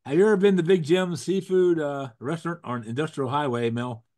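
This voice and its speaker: This host has a fairly high, darkish voice made froggy by a cold, and he talks a little fast. Chatting and joking on a video-call show, he wanders off track, starts sentences over, and tosses out groan-worthy puns, all captured close and dry without echo.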